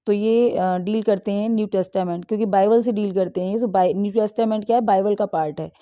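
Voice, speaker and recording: A woman's voice: mid-range voice, fairly even intonation, dark tone. A woman English teacher, going through an exam practice set and explaining each answer in mixed with English. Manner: explains in Hindi mixed with English, reads options slowly.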